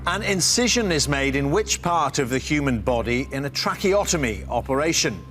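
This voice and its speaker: A man's voice: medium pitch, expressive, moderate pace, fairly bright tone, faint music behind. A man hosting a television quiz show, announcing in an upbeat, theatrical way. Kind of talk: studio game-show presenting.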